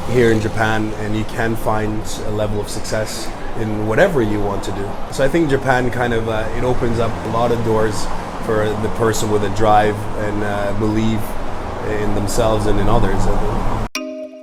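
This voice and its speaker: A middle-aged man from Canada answering interview questions in a relaxed, rambling way with many fillers. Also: on the low side, normal speed. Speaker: interviewee, businessman. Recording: noisy background hum.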